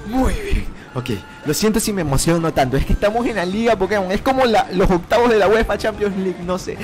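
An excitable man commentates a video game run, cheering on his moves and chatting to his viewers. His voice sits a little high for a man. Faint game music plays behind him. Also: fairly quick. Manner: animated, repeats shouts and urges the game on; talks to viewers as "chicos". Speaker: gaming YouTuber. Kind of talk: excited Let's Play commentary.

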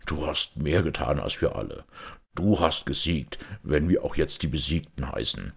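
A man voicing an aged, tender knight in an audiobook, speaking low and softly. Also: lively intonation, normal speed, creaky, breathy edge, exaggerated voice. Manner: low, soft-spoken, moved.

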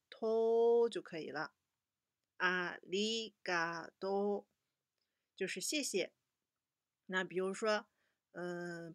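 A patient young woman teaches children in a close, dry recording. She talks at an even, middling pitch and slows right down whenever she models a word for the kids to repeat. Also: no room sound. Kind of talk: children's language lesson.

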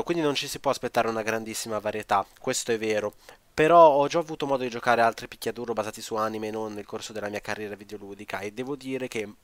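A man's voice: mid-range voice, fairly bright tone, no room sound. A man giving a blunt, opinionated game review to his viewers, ranting and swearing freely. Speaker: gaming video creator.

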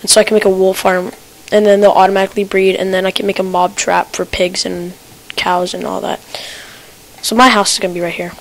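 A woman's voice: mid-range voice, little pitch movement, fairly quick, low-quality recording. A woman giving casual gameplay commentary at her computer, rambling and talking to herself with stutters and restarts. Her keyboard clicks are picked up by the desk mic. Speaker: gamer. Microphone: desk computer mic picking up keyboard clicks.

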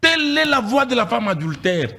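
A man, a pastor teaching from the Bible in an animated, emphatic way, repeating phrases and firing rhetorical questions. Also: extremely high pitch, moderate pace.

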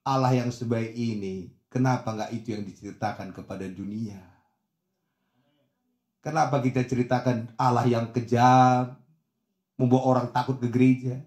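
A middle-aged male pastor preaching a lively sermon, acting out the voices in his stories and swinging from soft asides to shouts. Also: mid-range voice, normal speed, long pauses, reverberant. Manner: animated, acts out voices of others in dialogue, swings from soft to shouting.

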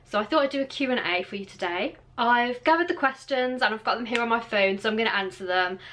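A woman in her late twenties from Birmingham, England, with the local accent, does a casual Q and A to camera from her bedroom, where a clothes rail is visible. She rambles with lots of fillers, speaking quickly in a fairly high, fairly bright voice over a little hiss or hum.

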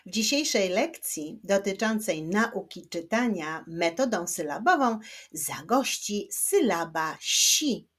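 A woman teacher giving a children's reading lesson, slowly clapping out words syllable by syllable. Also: mid-range voice, very animated, fairly bright tone. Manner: slow, clapping out syllables one by one.

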